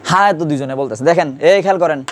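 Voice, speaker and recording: A man's voice: on the high side, quick pace, slight background noise. A man teaching a classroom grammar lesson, quizzing students and repeating key terms.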